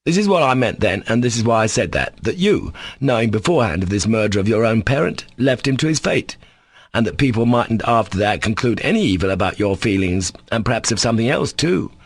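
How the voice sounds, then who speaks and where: Audiobook figure: a man playing a sick, resentful male servant, cool and sarcastic, with a husky, slightly low voice. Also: sing-song, brisk, dry recording, full character voice. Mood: insolent.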